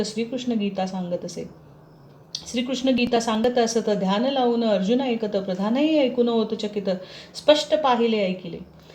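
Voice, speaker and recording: A woman reciting a devotional text in short verse lines with a steady chanting delivery. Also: fairly high pitch, reverberant, a little hiss or hum.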